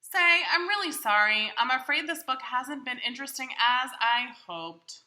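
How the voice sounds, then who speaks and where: A woman's voice: sits high, animated, moderate pace, sharp tone, exaggerated voice. A woman voicing a big, friendly, childlike bird from a storybook, earnest, hesitant and easily muddled. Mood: apologetic. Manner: hesitant, earnest, folksy exclamations.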